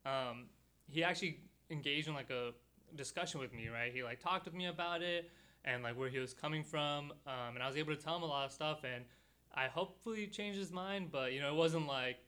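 A man's voice: a little high, fairly quick, clear, resonant tone. A young man hosting a podcast from a studio, chatting casually and telling stories with lots of fillers. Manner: relaxed storytelling with many fillers. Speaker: podcast host.

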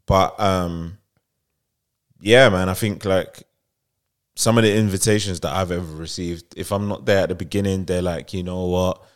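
A man co-hosting a casual chat in slangy, halting speech with emphatic repetition. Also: deep voice, steady tone. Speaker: talk show co-host.

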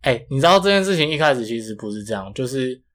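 A man's voice: mid-range voice, fast talker. Man with a strong Taiwanese Mandarin accent. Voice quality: flat, non-retroflex consonants. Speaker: podcast co-host. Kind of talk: casual chat.

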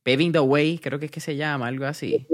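A man's voice: on the high side, a little fast. A man hosting an interview podcast, chatting casually and dropping English words into his speech. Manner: relaxed, mixes English words into Spanish. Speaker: podcast host interviewing an entrepreneur.

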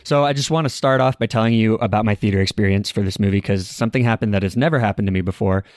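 A man hosting a film review podcast, telling stories in a relaxed, conversational way. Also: on the low side, very fast, soft background music. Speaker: podcast co-host.

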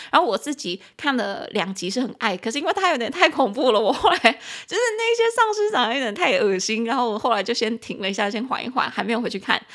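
A woman with a Taiwanese Mandarin accent hosts a casual podcast lesson on English. She talks in a chatty way, spells words out slowly and corrects herself as she goes. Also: mid-range voice, a bit bright. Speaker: podcast host teaching English.

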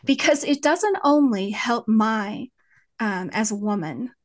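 A woman with a West Texas twang, speaking as an interview guest in a thoughtful, halting way as she searches for words. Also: fairly high pitch, expressive. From West Texas, United States. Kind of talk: reflective interview conversation about faith.

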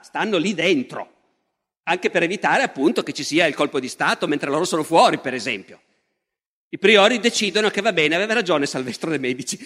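A man gives a public history lecture in an animated, conversational manner and often speaks straight to the audience. His voice sits high and bright. A long reverb from a large lecture hall follows his words.

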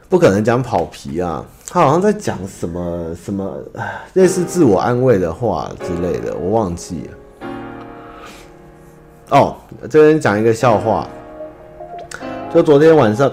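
A man with a Taiwanese Mandarin accent hosts a casual podcast, answering listener letters as a rambling, self-mocking storyteller. His voice is on the low side and a little mellow.

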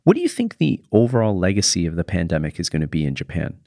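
A man's voice: low-pitched, wildly swooping pitch, fast talker, mellow, no echo, studio quality. A man hosting a news podcast, asking a guest short, plain questions about the week's headlines. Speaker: podcast host.

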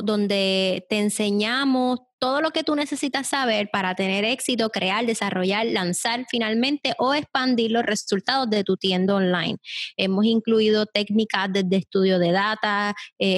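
A woman's voice: medium pitch, no room sound, clean studio sound. A woman, a podcast guest explaining her work in a friendly way. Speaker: podcast guest, e-commerce teacher. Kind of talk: casual podcast interview.

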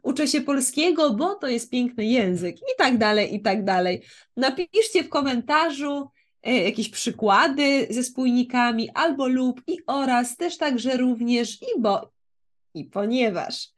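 A Polish woman gives a language lesson in a fairly high, very lively voice. She speaks slowly and didactically, repeating example phrases and checking that the learner follows. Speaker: Polish language teacher and podcast co-host.

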